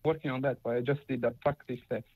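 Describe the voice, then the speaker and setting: Halting male caller on a distant speakerphone. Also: medium pitch, fairly even intonation, breathy edge, dry recording. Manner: hesitant and halting, with many fillers. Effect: internet call that sounds like a speakerphone. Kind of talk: call-in question. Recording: dull lo-fi call audio, dry.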